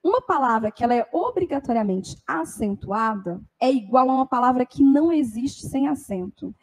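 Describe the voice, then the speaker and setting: A woman teaching a grammar lesson for exam preparation, explaining step by step and often checking in with a quick "tá?". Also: high-pitched, husky, poor audio. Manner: explanatory, frequent "tá?" tag questions.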